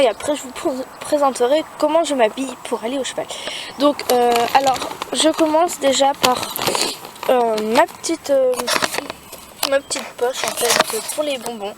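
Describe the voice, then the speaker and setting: Teenage girl, first-time vlogger, hesitant with lots of fillers, slightly high voice, heavy noise behind. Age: teens. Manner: hesitant, many fillers and restarts. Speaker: youtuber. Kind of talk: casual show-and-tell vlog. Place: in the boot of a car.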